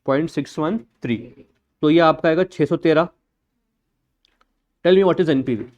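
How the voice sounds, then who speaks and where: High-voiced man teaching a class. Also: a little mellow, highs cut off. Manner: brisk, blunt, teasing students informally. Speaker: accounting lecturer. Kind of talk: classroom lecture. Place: classroom with live students.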